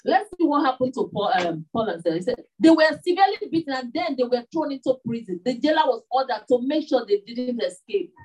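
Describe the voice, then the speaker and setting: A woman's voice: high-pitched, sing-song, brisk, hardly any pauses, a little mellow, husky, distant mic, poor audio. A woman preaching a sermon, full of rhetorical questions and repeated phrases.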